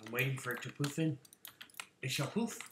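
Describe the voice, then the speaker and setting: A woman putting on the voice of a goofy, deep-voiced man making mock-grand pronouncements. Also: expressive, a little fast, slight background noise. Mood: mock-solemn.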